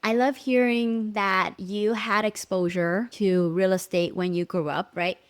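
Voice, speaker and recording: A woman's voice: medium pitch, fairly even intonation, measured pace. A woman in her thirties hosting a podcast interview, upbeat and encouraging. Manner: upbeat and encouraging, soft listening fillers. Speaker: podcast host.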